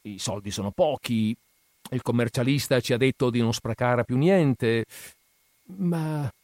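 A man voicing a brusque, hurried middle-aged factory owner who talks in a curt, businesslike way. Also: mid-range voice, darkish tone, no room sound, studio quality, natural voice.

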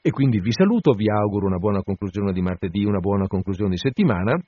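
A male radio host reading a novel aloud with theatrical expression, then chatting to listeners in relaxed asides. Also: on the low side, fast, dry recording. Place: radio studio. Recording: dull dry radio broadcast.

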